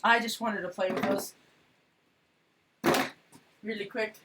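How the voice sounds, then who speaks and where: A woman's voice: mid-range voice, steady tone, slow pace, very noisy. A woman chatting casually on a live stream as she crafts, thinking aloud and trailing off mid-sentence.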